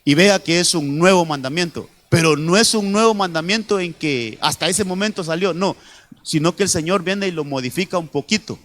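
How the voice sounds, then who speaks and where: High-voiced pastor preaching. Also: male voice, moderate pace, a bit bright. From Honduras. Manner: repetitive, addresses congregation as brother. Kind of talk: sermon.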